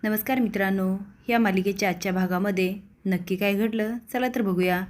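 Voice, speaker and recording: A woman's voice: mid-range voice, fairly even intonation, fairly quick, a little mellow. A woman narrating a recap of a television serial episode, reading the characters' lines with slightly raised force.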